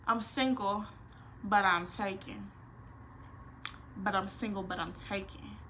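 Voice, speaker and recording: A medium-pitched woman speaks slowly against a little hiss or hum. The nineteen-year-old is vlogging a casual Q&A from her small bedroom, playful and full of slang, animated and gesturing expressively with her hands.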